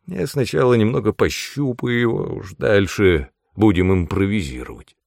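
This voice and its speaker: A man voicing a gruff, sarcastic male demon mentor in an audiobook, brusque and commanding. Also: lowish voice, animated, normal speed, a little mellow, dry recording, clean studio sound. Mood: sly. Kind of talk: audiobook character voice.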